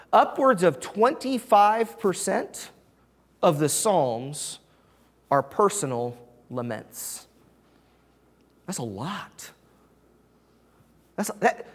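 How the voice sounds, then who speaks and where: A preacher delivering a sermon with a lively, swooping voice that rises and falls a great deal. The pace is unhurried and deliberate, full of rhetorical questions put to the listeners. The sound carries a long reverb, as in a large church. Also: mid-range voice. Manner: animated, rhetorical questions to the congregation. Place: church sanctuary.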